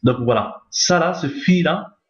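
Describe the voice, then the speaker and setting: A man's voice: on the high side, animated, a little slow. A man teaching a recorded Arabic reading lesson, patiently repeating each point and checking understanding. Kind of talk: recorded lesson explaining on screen. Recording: roomy, dull lo-fi recording.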